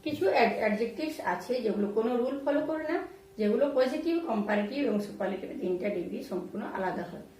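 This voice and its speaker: A woman teaching English grammar in Bengali, spelling out words letter by letter and repeating examples slowly. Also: a little high, lively intonation, darkish tone, recorded from a distance, slight background noise. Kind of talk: explaining grammar rules to students. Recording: very echoey room, voice off-mic.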